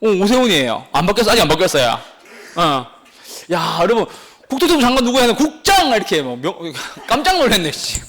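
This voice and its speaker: Lively, animated man lecturing a class. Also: sits high, fast. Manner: animated, teasing, asks the class many questions. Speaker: real estate exam lecturer.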